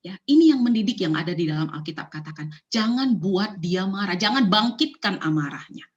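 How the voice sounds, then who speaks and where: A woman's voice: medium pitch, lively intonation, fairly quick, dull audio. A woman in her thirties giving a conversational sermon on parenting, asking many rhetorical questions and slipping in English phrases. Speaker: church speaker.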